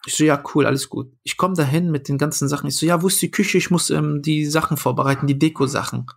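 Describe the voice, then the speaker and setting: A man's voice: a little high, fairly even intonation, fast, vocal fry, husky. A young man, a comedian and food founder, telling a story casually in a podcast interview, acting out quoted dialogue with lots of fillers.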